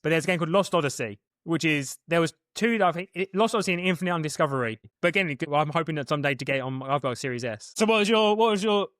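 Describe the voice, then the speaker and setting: Casual podcast talk from a young male co-host: quick, rambling, full of restarts. The voice is fairly high and a bit bright, and the recording is dry and studio quality.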